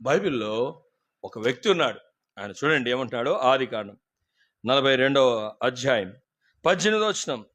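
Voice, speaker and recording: A man's voice: medium pitch, lively intonation, normal speed, pauses often, fairly bright tone. A man preaching a sermon. He tells funny stories and keeps asking the congregation questions. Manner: humorous storytelling preacher, asks the congregation questions. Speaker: pastor.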